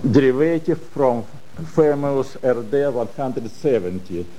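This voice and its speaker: An older man with a Russian accent gives a prepared technical lecture in halting English with dropped articles. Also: mid-range voice, lively intonation, warm tone, rough recording. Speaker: conference speaker, space engineering professor.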